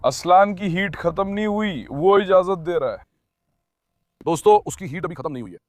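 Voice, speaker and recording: A man filming his dogs, talking to viewers and calling and calming the dogs. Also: sits high, moderate pace, slight background noise. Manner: talks to viewers and calms his dogs in turns. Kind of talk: casual commentary to viewers.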